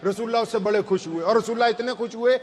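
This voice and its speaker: Preacher, man, Punjabi accent, very high voice, fervent storyteller, long reverb. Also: steady tone. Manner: fervent storytelling with rising emphatic lines. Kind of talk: sermon. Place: large shrine courtyard. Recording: long hall reverb, faint ambience.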